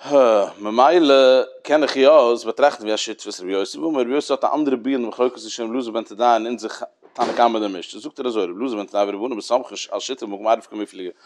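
A man's voice: mid-range voice, fast. Man giving a religious study lecture. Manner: repetitive, explaining with everyday examples; sprinkles in English terms. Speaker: Talmud teacher.

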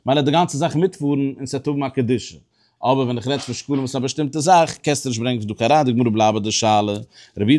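A man at a middle pitch leads a Talmud study class. He explains point by point, stopping and restarting often as he works through each idea. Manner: halting and explanatory, with many restarts. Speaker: religious teacher.

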